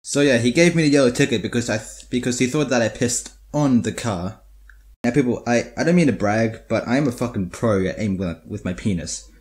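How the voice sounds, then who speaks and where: Teen boy, mid-pitched, profane and rambling, casual storytelling. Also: animated, fairly quick, a little mellow. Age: teenager. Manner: crude, profane, rambling with many restarts.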